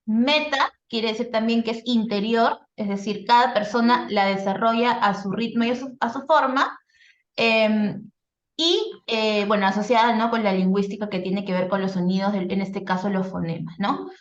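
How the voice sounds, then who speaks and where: A higher-pitched woman teaching as a speech therapist in a live online workshop. She explains step by step, checking in with listeners and leaning on fillers. Her voice comes over a dull, roomy video call line. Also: normal speed. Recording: echoey lo-fi video call audio.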